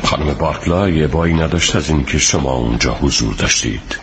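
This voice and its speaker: An actor playing a shrewd male detective who questions a witness in a calm, measured, courteous way, in a radio drama dub. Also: extremely low pitch, a little hiss or hum. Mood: probing, courteous.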